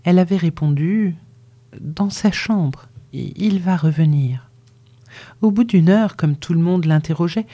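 A narrator reading a literary audiobook in a measured way, often dropping to a hushed whisper. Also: medium pitch.

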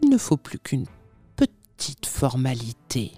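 Brief: sneering devilish tempter, courteous and ironic, wide pitch swings, played by the audiobook reader. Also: big pitch swings, takes it slowly, dark tone, breathy edge, soft background music, full character voice. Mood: silky, mocking. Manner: ironic, unctuous, overly polite. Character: sly, mocking male tempter in red coat. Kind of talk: audiobook character reading.

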